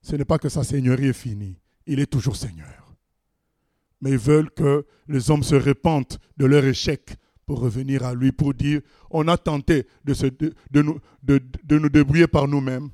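A man preaching a sermon, reading scripture aloud and commenting on it, swinging between loud exclamations and low asides. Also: moderate pace, no echo, studio quality.

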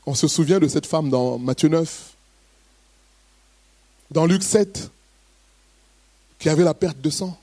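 A man delivering a sermon in a fairly high voice. He reads scripture in an even tone, then preaches with emphatic, rising outbursts. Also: slow, pauses often, dry recording. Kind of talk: sermon with Bible reading.

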